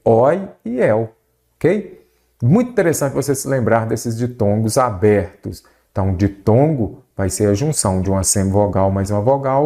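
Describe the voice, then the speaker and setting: A man's voice: medium pitch, dark tone. A Brazilian man teaching an exam-prep grammar lesson, explaining step by step and often checking in with the student. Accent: Brazilian Portuguese. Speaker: Portuguese teacher.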